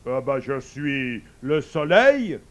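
A man reading a storybook and voicing the sun as a calm, kindly but firm man. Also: mid-range voice, slow pace. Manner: calm, assured, gently firm.

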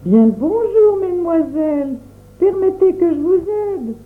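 A woman's voice: very high-pitched, animated, measured pace, voice pushed up. A woman reading aloud voices a greedy, fawning middle-aged shopkeeper with an eager, overly polite manner. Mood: obsequious. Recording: tinny phone-like sound.

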